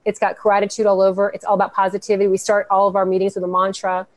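A woman's voice: medium pitch, monotone, rapid-fire, no room sound. Upbeat woman guest on a dry mic. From United States, Cuban family. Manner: earnest, upbeat, talks in long flowing answers. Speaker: guest, founder of a women's network. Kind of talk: podcast interview.

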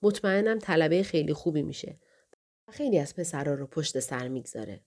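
A woman voicing a gentle old scholar. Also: on the low side, close to an everyday voice. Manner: soft, affectionate, slow. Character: gentle elderly male scholar, kindly and grieving.

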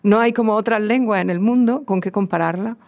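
A woman from southern Spain, with that accent, speaks fairly quickly in a mid-range, darkish voice. As a guest expert in casual conversation, she lectures at length, restarting often and using many fillers.

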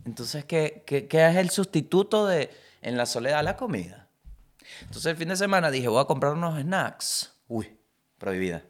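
A man's voice: fairly high pitch, big pitch swings, normal speed. A young man hosts a comedy podcast, telling stories as a monologue, swearing freely and acting out quotes in jumpy voices. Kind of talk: comic monologue.

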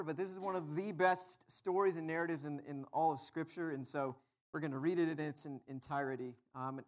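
Preaching from the pulpit, a pastor speaks in a voice a little higher than most men's. He reads the scripture in a measured, earnest way, leading the congregation through a sermon. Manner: measured, earnest reading aloud.

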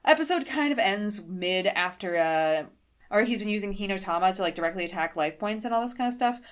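A woman's voice: mid-range voice, lively intonation, fairly quick, clean tone. A woman co-hosting a podcast, recapping episodes in casual chat and acting out quoted lines with sudden bursts. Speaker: podcast co-host.

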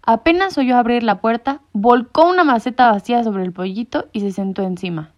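A woman narrating a storybook with expressive storytelling. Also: on the high side, brisk. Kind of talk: storybook reading. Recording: muffled lo-fi recording.

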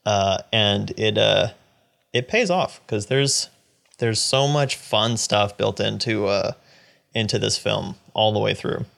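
A podcast host with a lowish, gravelly yet fairly bright voice speaks slowly. He's chatting casually about films.

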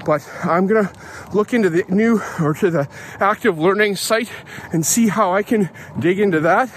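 Guy rambling into his phone outside early morning, kinda high voice, little bit of background hiss. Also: a bit bright. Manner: chatty, rambling, self-correcting. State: out of breath. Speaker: podcast host and educator. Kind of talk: casual outdoor audio diary. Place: outdoors on a hill at dawn.

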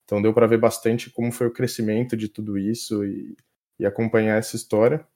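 A man with a Brazilian Portuguese accent, a software developer chatting casually as a podcast guest. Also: lowish voice, little pitch movement, a little fast. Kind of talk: casual conversational interview answers.

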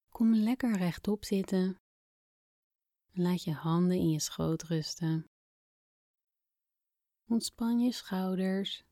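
A woman speaking softly and gently as a podcast host guiding a calming breathing exercise, with phrase endings that fade toward a whisper. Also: fairly low pitch, no room sound, studio quality. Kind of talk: soft, soothing guided relaxation narration.

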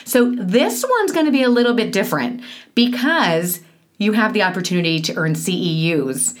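A woman co-hosting a podcast in a chatty, conversational way, with quick asides. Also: mid-range voice, lively intonation. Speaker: podcast co-host. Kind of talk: casual podcast chat.

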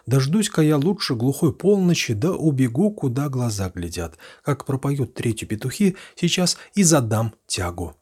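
Sly folksy peasant trickster for a storybook tale, husky male reader acting it out. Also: medium pitch, very animated, moderate pace, hardly any pauses, darkish tone. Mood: fretful. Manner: folksy, muttering to himself. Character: sly peasant man posing as a fortune-teller.

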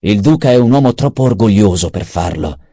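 A man voicing a cruel, mocking old baron in an audiobook, gruff and menacing. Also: on the low side, lively intonation, brisk, mellow, no echo, studio quality. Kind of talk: audiobook character voice.

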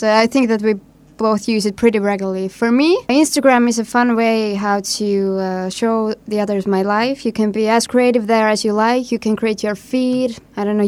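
Higher-pitched young Estonian-accented woman. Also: a little mellow, clear, resonant tone. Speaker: guest, youth project participant. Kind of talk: casual radio interview chat.

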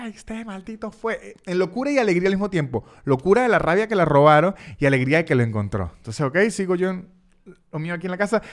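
A young Venezuelan man hosting a podcast, telling a story casually, acting out the voices and repeating words for comic effect. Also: fairly high pitch. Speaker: podcast host.

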